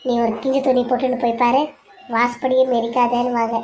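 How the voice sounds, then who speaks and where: A woman's voice: a little high, level tone, a little fast, darkish tone, natural voice. A woman voicing a shrewd middle-aged mother who lectures her daughter bluntly, in a family serial drama. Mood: worldly. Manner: lecturing, scornful of people who love for money. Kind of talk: Tamil family serial voice acting.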